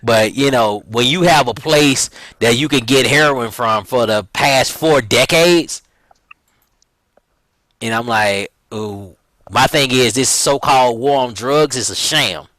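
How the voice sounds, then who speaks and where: A man hosting a casual chat, relaxed and jokey with blunt opinions. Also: medium pitch, slow pace, dry recording, rough recording.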